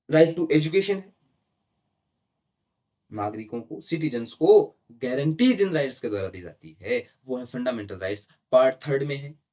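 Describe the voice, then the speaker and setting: A man's voice: mid-range voice, darkish tone. A male teacher giving a lecture and explaining terms step by step, who often asks rhetorical questions and checks with "right?". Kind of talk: classroom lecture in Hindi mixed with English terms.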